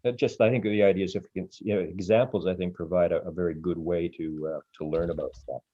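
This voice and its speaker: A man with a low, warm voice speaks over a group video call, dry and close. He rambles as he thinks aloud, circling back and restarting his sentences. The call audio comes through muffled and lo-fi. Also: fairly even intonation, fast talker, no room sound. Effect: voice heard over a group video call. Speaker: webinar host. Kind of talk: casual discussion in an online group call.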